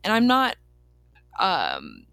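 A woman's voice: mid-range voice, huge pitch swings, extremely slow, gravelly, sharp tone, smooth, no room sound. A woman giving a casual, unscripted self-help talk, saying "like" very often and restarting her sentences as she goes. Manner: says "like" a lot as a filler; rambling, self-interrupting, repeats words and restarts sentences. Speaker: law of attraction speaker.

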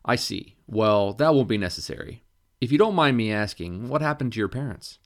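A courteous middle-aged lawyer speaks in formal, reassuring phrases, as a man reads him in an audiobook. His voice sits fairly low and carries polished calm. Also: a little fast.

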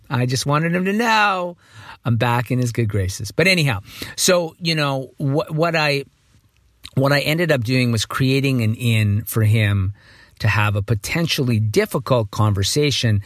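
A middle-aged man hosting a podcast in a casual, rambling monologue, with a slightly hoarse morning voice. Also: mid-range voice, dry recording, clean studio sound. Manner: rambling, self-correcting, chatty. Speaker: podcast host.

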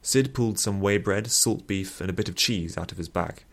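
A man narrating a fiction story aloud in a steady storytelling manner. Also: sits low, normal speed, gravelly.

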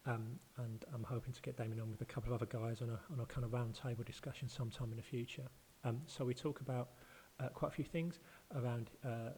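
A man's voice: mid-range voice, warm tone, a little hiss or hum. A man hosting a podcast in a chatty, hesitant, self-deprecating way, in an open marble-floored room that echoes like a bathroom. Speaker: podcast host. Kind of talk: informal podcast talk.

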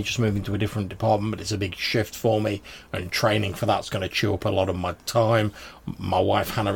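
A man's voice, on the low side, gravelly, with a breathy edge, belongs to a podcast host responding to listener voicemails. He keeps the talk informal and chatty, often saying "dude."

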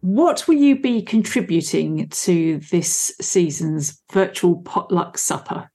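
A woman with a somewhat low voice hosts a podcast interview. She asks polite, measured questions. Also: big pitch swings, warm tone, breathy edge. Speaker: podcast host.

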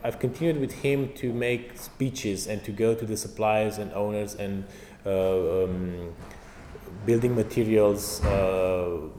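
Speaking slowly with a fairly low pitch, a man from Romania tells animated stories, acting out quotes and filling gaps with many fillers. He is a passive house trainer who grew up speaking Romanian and Hungarian, interviewed casually in a reverberant hall with faint background noise.

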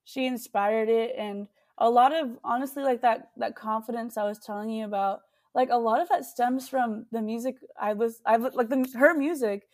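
Chatty young woman, slightly high voice. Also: fairly even intonation, normal speed, few pauses, a little mellow. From United States. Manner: chatty, many fillers and restarts. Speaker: singer-songwriter guest. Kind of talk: casual interview.

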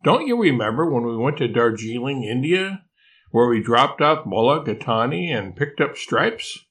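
An older man voicing a squeaky, bewildered male koala. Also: sing-song, moderate pace, fairly bright tone. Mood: insistent bewildered. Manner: bewildered, pleading, rising questions. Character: excitable, squeaky male koala, drowsy and confused.

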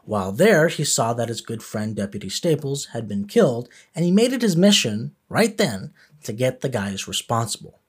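A man's voice: medium pitch, very animated, normal speed, hardly any pauses, husky. A man hosting a podcast, narrating a history story with the occasional filler word. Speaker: podcast host.

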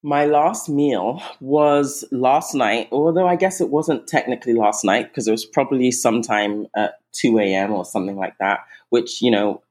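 A woman raised in England, a guest eating coach, talking in a chatty, warm podcast conversation with frequent ums and restarts. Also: extremely low pitch. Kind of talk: casual podcast chat.

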